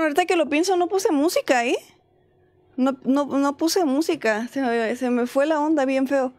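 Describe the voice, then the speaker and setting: A woman's voice: high-pitched, darkish tone. A woman with a Mexican accent streaming a game from home, chatting casually and greeting viewers by name. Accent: Mexican Spanish. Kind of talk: casual live-stream chat.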